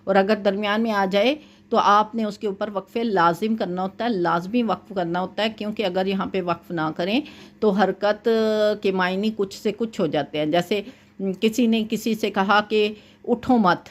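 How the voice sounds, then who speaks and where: A woman teaching Quran recitation rules, explaining each point patiently and chanting verses slowly to demonstrate. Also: medium pitch, fairly even intonation. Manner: often checks in with "thik hai". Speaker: tajweed teacher. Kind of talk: Quran recitation lesson with corrections.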